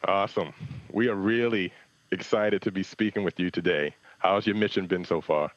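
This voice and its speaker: A man's voice: low voice, steady tone, moderate pace, dry recording, highs cut off. A man moderating a museum event, speaking over a radio comms link in a formal call style. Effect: radio comms voice check.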